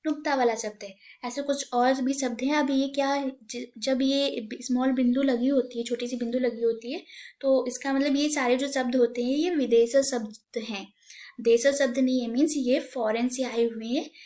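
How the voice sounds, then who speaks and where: Woman teacher doing an online class for little kids, patient, slips english words in, voice a bit high. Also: darkish tone. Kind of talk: online class lesson for young children.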